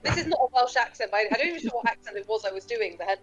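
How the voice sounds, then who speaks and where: A woman's voice: on the high side, animated, rapid-fire, a bit bright. Chatty northern English woman, slightly lo-fi. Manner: chatty, self-deprecating. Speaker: player. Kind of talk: casual tabletop game chat.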